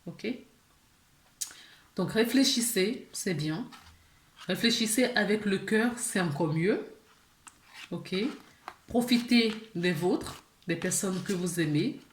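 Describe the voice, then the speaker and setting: Slow, chatty woman reading tarot. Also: medium pitch, reverberant. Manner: chatty, laughs often, many fillers and restarts. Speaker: tarot card reader. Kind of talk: casual tarot reading for viewers.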